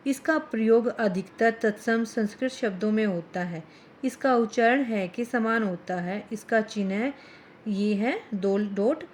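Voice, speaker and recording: A woman teacher explains grammar at an unhurried, careful pace. She spells out each sound on its own and pauses between them. A light hiss sits in the background. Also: mid-range voice. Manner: slow, deliberate, spells out sounds one by one. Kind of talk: slow explanatory grammar lesson.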